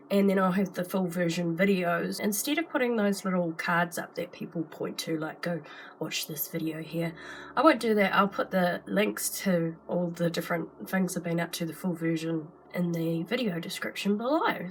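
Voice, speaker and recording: A woman in her thirties vlogs casually to camera from her home art desk, her medium-pitched voice rough because she's sick. She's chatty and rambling, full of fillers and laughs, with a little hiss or hum in the recording.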